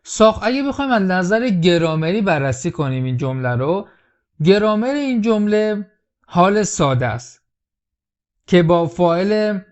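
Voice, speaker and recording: A man with a fairly high voice teaches English in a patient, explaining tone, and he says the key phrases slowly and carefully. The recording sounds a little dull and lo-fi. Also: animated. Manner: repeats English lines slowly, then explains them. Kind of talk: explaining film lines in a language lesson.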